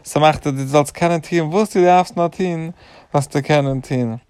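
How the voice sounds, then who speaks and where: A man's voice: on the high side, moderate pace, darkish tone, clean tone, no room sound. A middle-aged man, a rabbi, patiently explaining to a child and listing things with devout, repeated thanks.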